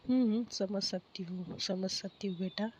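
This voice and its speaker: A woman's voice: medium pitch, steady tone, moderate pace, a little mellow, slight background noise, lightly acted. A woman voicing a teasing teenage schoolgirl who mocks her friend in playful banter, in a storytold romance.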